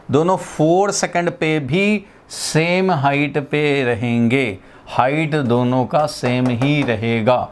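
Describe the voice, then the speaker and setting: A man from India giving a physics lesson, explaining step by step, repeating key phrases and checking in with his students. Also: fairly high pitch. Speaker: physics teacher. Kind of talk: classroom lecture.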